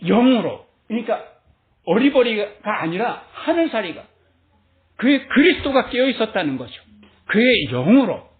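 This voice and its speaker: A male pastor preaching a sermon, telling stories animatedly and laughing often. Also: high voice. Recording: tinny phone-like recording.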